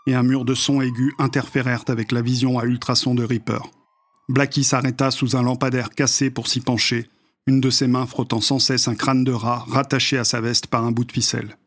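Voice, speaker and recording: A male narrator reads a story aloud. His voice sits at an ordinary middle pitch. He keeps a steady, measured reading pace throughout. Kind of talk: audiobook narration.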